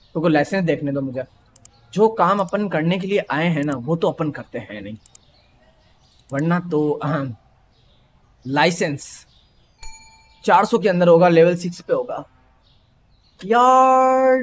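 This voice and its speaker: A man's voice: a little high, a little hiss or hum. A young man from India commentating a game in a casual, playful way, teasing the characters on screen. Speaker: gaming YouTuber.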